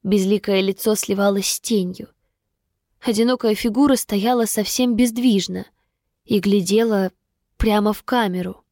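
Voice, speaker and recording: Woman reading a novel out loud, steady even voice, mid pitch, dry close mic. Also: normal speed, no room sound. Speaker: audiobook narrator. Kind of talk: scripted first-person narration.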